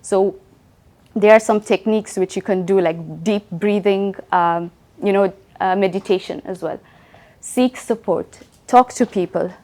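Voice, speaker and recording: Young woman giving a relaxed company talk. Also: mid-range voice, a little slow. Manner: conversational, often asks "right?". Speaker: presenter. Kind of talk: company talk with audience questions.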